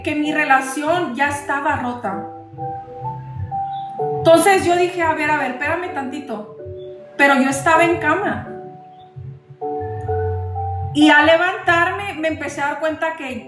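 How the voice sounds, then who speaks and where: A woman giving an emotional personal testimony to her audience, speaking slowly and repeating her phrases. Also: high voice. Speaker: host of a live talk. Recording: roomy sound with faint music.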